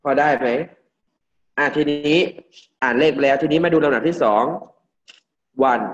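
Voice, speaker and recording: A male English teacher from Thailand giving a classroom pronunciation lesson, drilling words slowly and repeating each one for the class. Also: mid-range voice. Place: classroom with students. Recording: dull lo-fi classroom recording.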